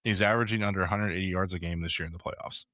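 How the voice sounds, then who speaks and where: Low-voiced bright young man, casual chat. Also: steady tone, rapid-fire, dry recording, studio quality. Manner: rambling, many fillers. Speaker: podcast host.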